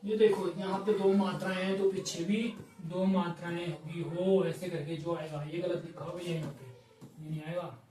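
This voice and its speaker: A man's voice: high voice, little pitch movement, moderate pace, mellow. A male teacher giving a grammar lesson, explaining step by step and often asking the class questions. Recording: echoey room, mic at a distance.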